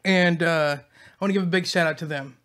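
An earnest co-host of a hot-sauce episode, sweating from the heat, who keeps repeating and restarting words. The voice sits at a middling pitch, and the talk is loose and conversational. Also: steady tone, brisk, fairly bright tone. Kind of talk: casual chat while eating hot sauce.

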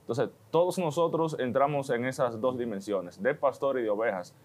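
A man's voice: medium pitch, normal speed, darkish tone. A man speaks in an ordinary mid-range voice on a religious television panel. He reasons through a Gospel passage thoughtfully, building the explanation one step at a time. He leans on linking words to move from point to point. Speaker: vocation panelist on a religious TV program.

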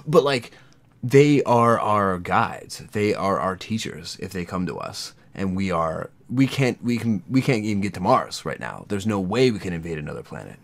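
Deep-voiced American man, earnest. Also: big pitch swings, fairly quick, gravelly, few pauses. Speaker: podcast co-host. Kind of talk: casual conversational chat.

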